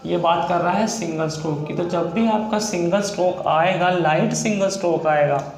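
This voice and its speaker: A man's voice: high voice, normal speed. Guy teaching shorthand, keeps repeating himself, echoey room with a bit of hiss. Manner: repetitive, patient explaining with frequent "theek hai" checks. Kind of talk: explaining a lesson step by step. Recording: echoey room with faint background noise.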